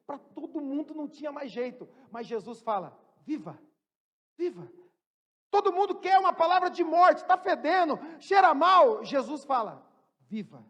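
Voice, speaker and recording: High-voiced man preaching in an echoing church. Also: lively intonation, normal speed, hardly any pauses, dull audio. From Brazil. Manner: swings from loud preaching to quiet asides, jokes with the congregation. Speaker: pastor. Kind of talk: sermon. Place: church hall. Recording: long church reverb, faint music.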